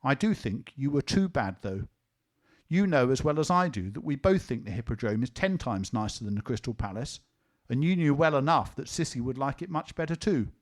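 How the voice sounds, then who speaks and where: Playing a sleepy little boy arguing with his sister, a man sounds earnest, reasoning and a bit stubborn, with a scolding mood. He talks briskly and animatedly at medium pitch, close to his everyday voice.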